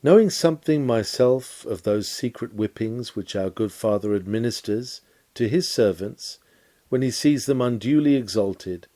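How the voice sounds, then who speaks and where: Reading aloud from a script, a man delivers a nineteenth-century sermon lecture with formal diction and measured, emphatic oratorical phrasing. His voice is mellow and mid-range.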